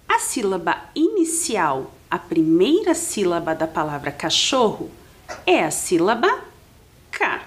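A woman teacher with a Brazilian Portuguese accent leads a slow, clear literacy lesson for young children in a mid-range voice. Together with her pupils, she spells out letters and counts syllables.

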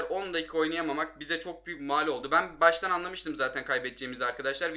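A young man giving excitable, frustrated live commentary on his football video game, talking straight to his viewers. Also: on the high side. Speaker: gaming youtuber.

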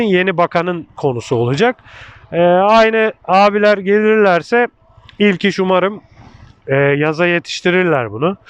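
A man giving casual, colloquial riding commentary as a motovlogger, speaking into a microphone inside his helmet while riding. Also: high voice. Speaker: motorcycle vlogger reviewing a bike. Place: outdoors, riding a motorcycle in traffic. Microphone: microphone inside a motorcycle helmet. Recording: clear engine and road noise. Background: motorcycle engine and traffic noise.

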